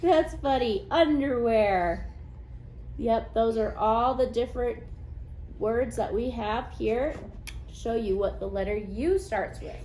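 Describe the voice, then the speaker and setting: A woman's voice: on the high side, fairly even intonation, unhurried, mellow. Sing-song woman preschool teacher, echoey room. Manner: encouraging, simple step-by-step phrasing with repetition. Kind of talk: instructional lesson for young children. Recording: echoey room with faint background noise.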